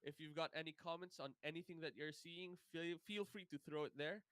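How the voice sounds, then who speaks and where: Upbeat smooth-voiced panel host. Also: male voice, on the high side, fairly even intonation, brisk, a bit bright, no echo. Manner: upbeat, hypes up guests. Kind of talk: hosting a live panel show.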